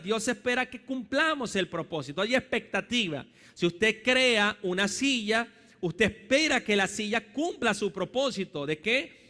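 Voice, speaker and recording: A male pastor preaches with fervor, his voice pitched very high for a man and ringing bright and forceful. He stacks phrase upon phrase and calls out to the congregation. The sound carries a long hall reverb from the church. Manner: fervent preaching in long repeated phrase lists; addresses the congregation directly. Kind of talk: sermon.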